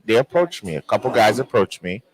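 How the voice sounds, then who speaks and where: A man's voice: fairly low pitch, big pitch swings, breathy edge, dry recording, low-quality recording. Man co-hosting a casual panel chat. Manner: halting, with many restarts and fillers. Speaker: co-host.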